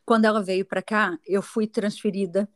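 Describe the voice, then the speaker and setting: A middle-aged woman from Brazil speaks with a Brazilian Portuguese accent, her pitch in the middle of the usual range for women. She is a chatty guest in a relaxed interview who tells her story freely. She often laughs and restarts her sentences as she goes. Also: normal speed. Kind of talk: casual interview chat.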